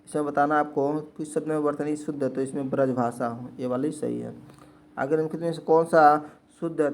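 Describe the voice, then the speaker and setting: Male teacher, slightly higher voice, repetitive Q&A explainer for exam prep. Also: a little mellow. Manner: repetitive question-and-answer explaining.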